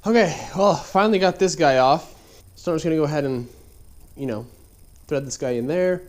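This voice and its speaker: Fairly high-pitched yet darkish in tone, this man's voice is congested and a little nasal, and he talks fairly quickly. He narrates his car build in a garage as he works, a laid-back, rambling, filler-filled how-to captured on a head-mounted action camera.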